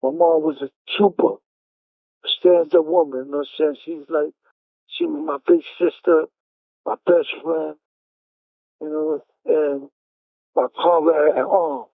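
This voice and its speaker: A man with a New York accent telling his life story on a prison payphone call, halting and restarting as he talks. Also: a little high, animated, gravelly, dry recording. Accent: New York City. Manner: halting, repeats words and restarts. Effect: prison payphone line. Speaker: incarcerated caller. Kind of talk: casual storytelling over a phone call. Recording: tinny prison phone line.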